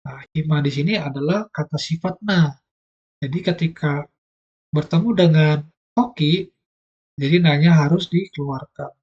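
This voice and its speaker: A man's voice: fairly high pitch, moderate pace, pauses often, a little mellow, breathy edge, lo-fi sound. A man teaching an online language lesson, explaining patiently step by step.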